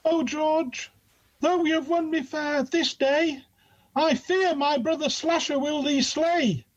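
Female actor as anxious princess for comic mummers' play; high, unhurried declamation, lo-fi muffled recording. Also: fairly even intonation. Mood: fearful. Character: fretful fair princess, comic damsel. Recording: dull, muffled sound.

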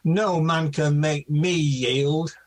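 A man's voice: fairly high pitch, steady tone, slow pace. A man playing a boastful, menacing Turkish knight, the comic villain of a declaimed folk play. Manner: swaggering, declamatory.

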